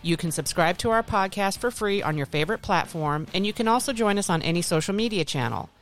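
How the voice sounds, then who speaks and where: A woman's voice: mid-range voice, expressive, fast, faint music behind. A woman speaking casually as the host of a podcast.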